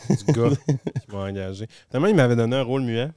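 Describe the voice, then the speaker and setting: A man's voice: mid-range voice, fast talker, warm tone, no room sound, clean studio sound. A young man with a Québécois accent, a podcast guest who jokes around. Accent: Québécois French. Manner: goofy, jokey. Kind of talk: casual podcast chat.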